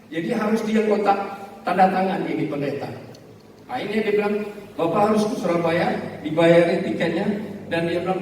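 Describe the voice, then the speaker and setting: A male pastor preaching and telling a story, animated, swinging between shouts and hushed words, with an Indonesian accent. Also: fairly high pitch. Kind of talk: sermon with storytelling. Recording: echoey hall, from far off, faint noise.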